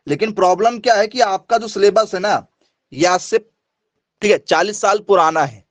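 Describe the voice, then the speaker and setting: A man's voice: high voice, dry recording. A middle-aged man from northern India teaching an exam coaching lesson, who asks the students questions, answers them himself and keeps repeating the key points.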